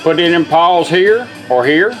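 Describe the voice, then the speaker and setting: A man with a slightly high, animated voice talks a little slowly while giving a casual, hands-on product demonstration. He restores car radios, and his manner is plainspoken and folksy. Music plays behind him.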